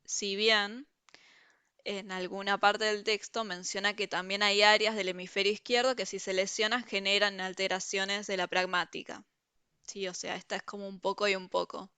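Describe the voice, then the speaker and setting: A woman's voice: mid-range voice, level tone, moderate pace, sharp tone, clear, resonant tone, no room sound. A woman teaching a university review class over a video call, explaining step by step and often checking that students follow. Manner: explanatory, checks understanding with frequent "¿sí?".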